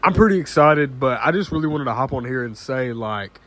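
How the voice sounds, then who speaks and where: Speaking to his camera, a late-teen vlogger of nineteen sounds animated yet halting, restarting sentences, using lots of fillers, and clearing his throat often. He has a medium-pitched, slightly bright voice and an earnest manner.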